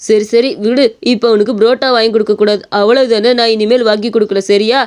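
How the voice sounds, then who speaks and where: Woman voicing a gentle indulgent father. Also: a little high, steady tone, fast, smooth, natural voice. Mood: coaxing. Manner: soothing, coaxing. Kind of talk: cartoon story voice acting.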